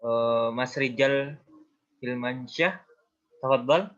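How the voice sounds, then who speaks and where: A man's voice: medium pitch, slow pace, a bit bright, muffled recording. A man moderating an online class, politely calling on participants by name. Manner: polite, brief replies.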